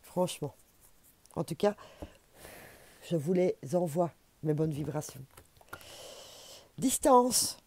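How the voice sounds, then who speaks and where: A woman's voice: low-pitched, steady tone, a little slow, pauses often, mellow, no echo. A woman with a Belgian French accent, giving a chatty, encouraging oracle card reading to camera and repeating herself for emphasis. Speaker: intuitive oracle card reader.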